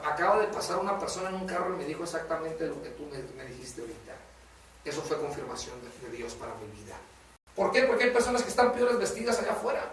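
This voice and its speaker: Man preaching, casual, high voice, very echoey room, mic far off. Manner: casual preaching, keeps saying "brother" and asking "right?". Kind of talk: sermon.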